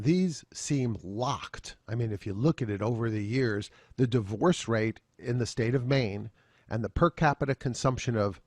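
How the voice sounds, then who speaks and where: A man's voice: medium pitch, no echo. A man lecturing at a continuing education seminar, walking through slides and dropping dry joking asides.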